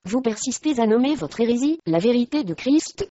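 A woman's voice: fairly high pitch, expressive, normal speed, warm tone, no echo. A woman reading the part of a wrathful, stern male archbishop, speaking harshly and commandingly. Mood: enraged. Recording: dry, slightly muffled recording.

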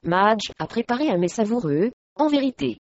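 A woman's voice: a little high, expressive, moderate pace, darkish tone, no echo, lo-fi sound. A woman voicing a stern, scolding old lord. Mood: angry. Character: stern irritable medieval lord, older man.

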